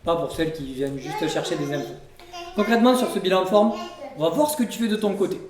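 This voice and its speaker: A man's voice: high-pitched, fast, crowd noise. A man, a fitness coach, giving casual, direct diet advice at home and talking straight to the viewer. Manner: direct, informal, addresses viewer with "tu". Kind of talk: casual coaching talk to camera. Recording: roomy echo, from a distance.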